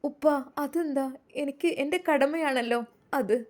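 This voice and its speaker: A woman voicing a soft, devoted young wife who gently pleads with and comforts her husband. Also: high-pitched, measured pace, pitched above the performer's own voice. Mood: tender.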